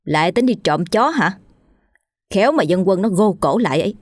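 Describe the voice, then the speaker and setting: Woman doing a sharp-tongued village shrew. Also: medium pitch, animated, normal speed, no echo, natural voice. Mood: mocking. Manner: nagging, mocking.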